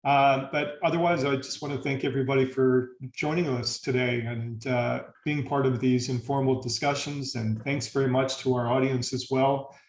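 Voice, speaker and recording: A man's voice: medium pitch, steady tone, moderate pace, few pauses. Laid-back guy hosting a video call chat, lots of uhs, echoey room sound. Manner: easygoing, lots of uh fillers. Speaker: host. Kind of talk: casual panel discussion. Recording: roomy video call audio.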